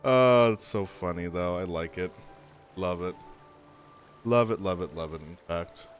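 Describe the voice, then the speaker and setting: A deep-voiced young man chats through a live game stream, quick to laugh and warmly enthusiastic with his audience. His talk stays loose and casual throughout, with a faint music bed running underneath. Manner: chatty, upbeat, laughs easily.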